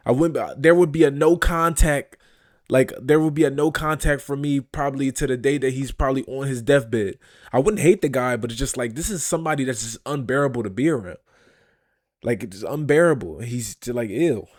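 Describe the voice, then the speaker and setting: A man's voice: medium pitch, fairly quick, no echo, clean studio sound. A man hosting a reaction video, talking in a casual, incredulous and profane way.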